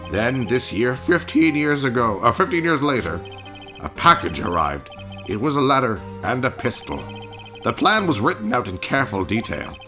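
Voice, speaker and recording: A man's voice: mid-range voice, sing-song, normal speed, music in the background, pitched above the performer's own voice, close to an everyday voice. A man voicing a grumpy old man, a bitter former bailiff confessing his crime in video game dialogue. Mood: bitter, confessional.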